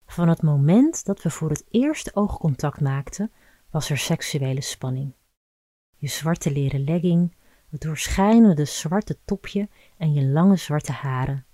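Low mellow woman reading a story out, calm and close, dry sound. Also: measured pace, no room sound. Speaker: podcast narrator. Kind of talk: scripted story narration.

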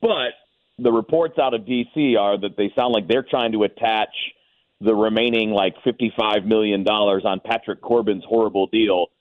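A man's voice: fairly low pitch, fairly even intonation, moderate pace, dry recording. A man talking sports casually and informally as a radio guest, heard over a phone line. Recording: tinny, narrow phone line.

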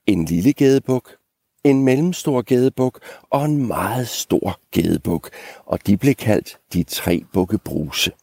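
A man reading a fairy tale aloud in an expressive storytelling manner. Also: mid-range voice, gravelly, no room sound.

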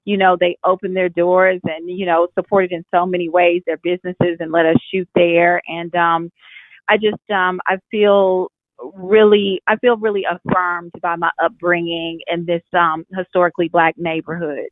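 A woman's voice: fairly low pitch, level tone, normal speed, no echo. A young woman from Texas, a film director, talking reflectively with many fillers during an interview. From Fort Worth, Texas. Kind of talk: interview over a phone line. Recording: tinny phone line.

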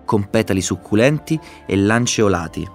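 A man's voice: on the low side, expressive, normal speed, soft background music. A man voicing a chorus of meddlesome daisies who chirp reassurances, reading a storybook. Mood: sing-song. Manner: sing-song, meddlesome. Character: chattering chorus of nosy daisies.

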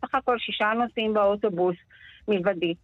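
A woman in her sixties giving a shaken, rushed first-person account on the radio, replaying what was said to her. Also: mid-range voice, no room sound, phone-quality sound. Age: 60s. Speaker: interviewee.

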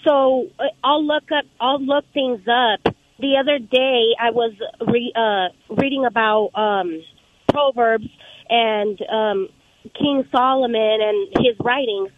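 A woman in her thirties calls a radio show over speakerphone, asking earnest, hesitant questions full of ums. Her voice is on the high side and slow, with no room sound, carried over a tinny phone line.

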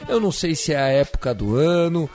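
A man's voice: a little high, lively intonation, brisk, darkish tone, faint music behind. A man with a Brazilian accent hosting a sports podcast in a casual presenting style. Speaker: podcast host.

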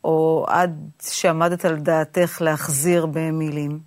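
A woman with a slightly low voice hosts a conversational interview. She probes her points, doubling back on words as she shapes a thought. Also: little pitch movement, darkish tone. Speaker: podcast host interviewer.

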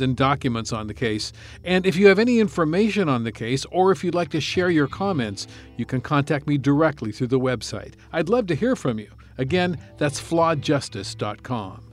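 A man hosting and reporting on a news podcast, delivering measured, scripted narration. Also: on the high side.

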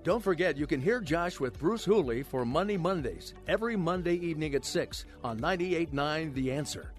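A man with a somewhat high voice reads a radio show's promo and sign-off lines. His delivery is smooth and steady. Clear music plays under him. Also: normal speed. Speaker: show announcer. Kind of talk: scripted radio promo read. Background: music bed.

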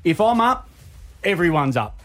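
A man's voice: high-pitched, very animated, moderate pace, a bit bright, faint music behind. An Australian man hosting a radio show, talking in a boisterous, emphatic way in casual studio banter. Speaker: radio host.

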